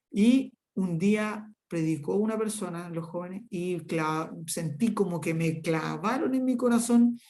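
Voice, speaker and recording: A man's voice: high-pitched, a little mellow. A man teaching a Bible lesson and sharing a personal testimony, earnest and emphatic, often repeating words in long runs.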